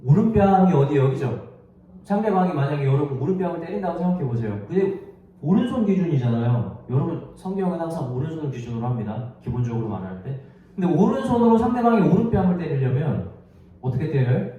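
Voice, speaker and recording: A male pastor preaching a sermon in an animated way, asking his listeners question after question. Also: fairly high pitch, fast talker. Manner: animated, asks the congregation many questions. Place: large echoey worship room. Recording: very echoey, distant, dull sound.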